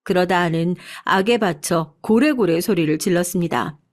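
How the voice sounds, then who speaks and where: A woman narrating a listener's true story in a steady, earnest storytelling voice. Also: fairly low pitch, normal speed. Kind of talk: scripted narration of a reader's story.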